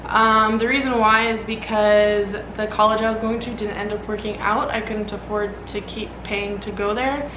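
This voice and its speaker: This vlogger, an American woman in her early twenties from Omaha, Nebraska, has a mid-range voice with fairly even intonation, a normal pace and few pauses. Chatting loosely through a get-to-know-me Q&A, she rambles about herself and keeps dropping "like." Noticeable background noise and a roomy echo fill the audio.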